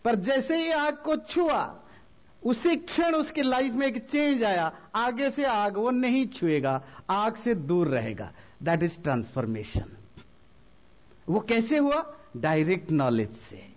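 A man giving a spiritual talk, explaining slowly with everyday examples and mixing English phrases into his speech. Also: very high voice, very animated, dull audio. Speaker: spiritual teacher.

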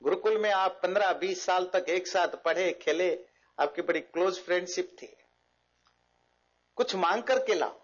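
A man with a high voice retells old epic tales, animated and mixing in English words. The recording is dull and lo-fi. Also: unhurried. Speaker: spiritual speaker. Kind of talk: storytelling talk.

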